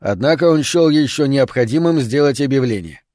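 A man reading a novel aloud as an audiobook, with even, measured storytelling. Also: medium pitch, no echo, studio quality. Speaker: narrator. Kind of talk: audiobook narration.

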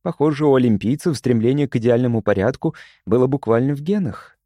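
A man narrating an audiobook in an expressive, measured storytelling manner on a close studio mic. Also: medium pitch, dry recording. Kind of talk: scripted narration.

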